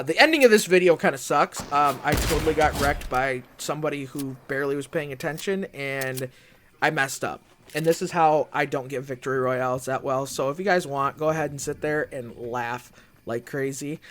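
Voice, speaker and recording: A man who makes gaming videos, telling his viewers a story in a rambling, excitable way, full of fillers like "you know" and "like". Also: a little high, slight background noise. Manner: animated, excitable retelling.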